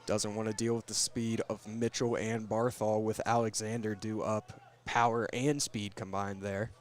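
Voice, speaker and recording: A man's voice: fairly low pitch, flat delivery, moderate pace. A young man doing play-by-play commentary for a student radio baseball broadcast, chatty and joking at his own expense. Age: young adult. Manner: chatty, self-deprecating joking. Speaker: play-by-play announcer.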